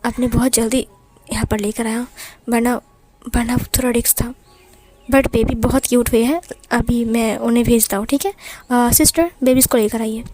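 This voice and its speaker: A woman voicing a calm, reassuring hospital doctor who hesitates with fillers. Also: extremely high pitch, moderate pace, faint music behind.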